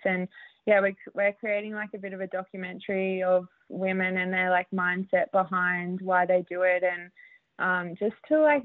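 A young Australian woman talks about riding in a chatty, easygoing way, her words full of fillers and quick laughs. Her voice comes through a dry, tinny, phone-like line. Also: on the low side, dry recording. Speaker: guest, motocross rider. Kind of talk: casual interview.

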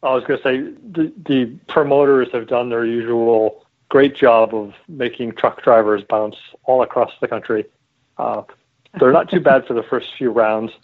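A man's voice: mid-range voice, normal speed. Wry man on a tinny phone line. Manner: wry, joking. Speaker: co-host. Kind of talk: casual radio chat.

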